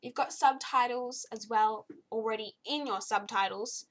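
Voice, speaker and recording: Speaking at normal speed, a young woman casually reviews a video game, her fairly high voice a little croaky today. She's loose and chatty, easily exasperated, and full of ums and restarts.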